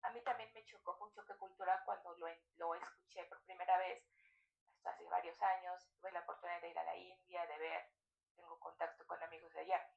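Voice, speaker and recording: Woman student, thoughtful hesitant speech, gravelly fry. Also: fairly low pitch, flat delivery, fairly quick, dull audio. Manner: thoughtful, hesitant, searching for words. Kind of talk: class discussion comment.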